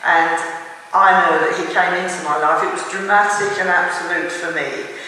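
An older English woman from England telling her personal testimony in an earnest, measured way, now and then restarting a phrase. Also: on the low side, steady tone, bright, forceful tone. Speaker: church member giving testimony. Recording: echoey room from far off.

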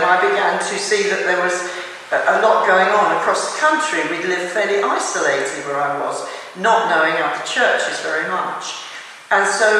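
An older English woman from England telling her personal testimony in an earnest, measured way, now and then restarting a phrase. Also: medium pitch, pushed and bright. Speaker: church member giving testimony. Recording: echoey room from far off.

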